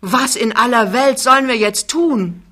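An anxious young husband, halting yet insistent as his voice climbs, as a woman reads him. The tone is bright and sharp. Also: a little high, voice pushed up. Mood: upset. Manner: halting, pleading, rising.

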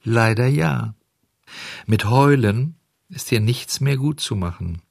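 A man reading a storybook aloud, voicing a kind, solemn little marmot who speaks slowly and soothingly. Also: mid-range voice, expressive, gravelly, darkish tone, no room sound, clean studio sound, voice pushed up, heavily acted. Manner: slow, soothing, lecturing.

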